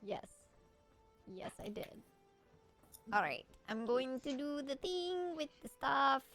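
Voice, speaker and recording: A woman hosts a live stream and chats casually with the viewers. She sounds bubbly and talkative, and her voice sits very high. Light music runs faintly in the background. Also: animated, slow pace, a bit bright. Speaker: stream host.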